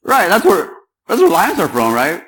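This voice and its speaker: A man's voice: high-pitched, huge pitch swings, moderate pace, fairly bright tone, rough recording. A young man from Paraguay giving a chatty, joking talk at a security conference and quizzing the audience. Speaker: conference speaker. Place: conference hall.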